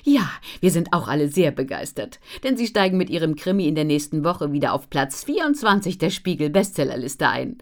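A woman voicing an enthusiastic female book editor who talks brightly and energetically on the phone. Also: sits low, big pitch swings, normal speed.

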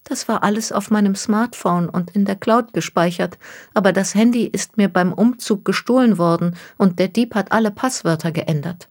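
A woman's voice: medium pitch, moderate pace, a little mellow, pitched above the performer's own voice, natural voice. Woman voicing a distraught young woman near tears. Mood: explaining. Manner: pleading, close to tears. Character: young woman, distraught, stranded by a cruel hoax.

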